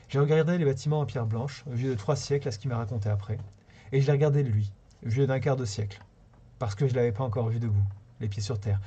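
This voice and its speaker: A man reading a short story aloud on a live stream, unhurried, now and then stumbling and rereading a phrase. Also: medium pitch, warm tone, husky. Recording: slightly dull lo-fi sound.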